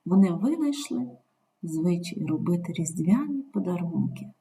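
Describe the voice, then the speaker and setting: Mellow woman reading a story aloud. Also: on the low side. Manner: measured, expressive storytelling. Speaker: reader. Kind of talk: scripted narration of a story.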